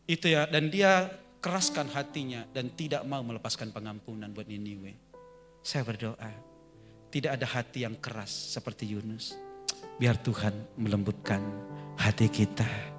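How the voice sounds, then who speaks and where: A man's voice: mid-range voice, fairly bright tone. A male pastor preaching in a church, telling the story with humor and asking the congregation questions. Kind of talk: sermon. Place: church sanctuary.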